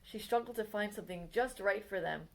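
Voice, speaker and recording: A woman librarian with a medium-pitched, gravelly voice reads a children's picture book biography aloud. She uses an expressive storytime style and lingers over the exciting bits.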